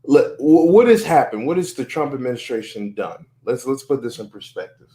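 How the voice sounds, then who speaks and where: A man's voice: mid-range voice, expressive, brisk, mellow. Guy hosting a podcast, mid voice, earnest, keeps restarting sentences, swears a lot. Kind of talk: casual podcast conversation.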